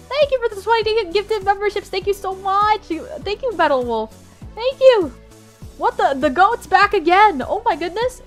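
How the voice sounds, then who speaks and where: High-pitched giggly young woman streamer. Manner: bubbly and giggly, repeats her phrases. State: groggy morning voice, just woke up. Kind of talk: casual live-stream chat.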